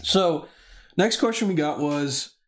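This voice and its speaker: A man's voice: fairly high pitch, animated, takes it slowly, a bit bright. A young man hosting a casual podcast, rambling and swearing as he jokes. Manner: profane, rambling, joking. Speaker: podcast host. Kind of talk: casual chat.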